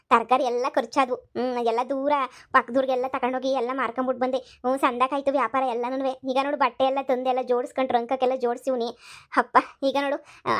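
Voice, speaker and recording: A woman playing a bossy village woman in a cartoon comedy. Her voice is high-pitched. She lectures in a brisk, no-nonsense way. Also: lightly acted. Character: village woman Lakshmu, bossy, helpful friend.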